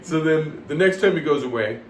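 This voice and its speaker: A man telling jokes casually, rambling and halting with many fillers, often laughing at his own punchlines. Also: a little high, expressive, distant mic. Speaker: comedy host telling jokes. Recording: roomy sound from away from the mic, faint background noise.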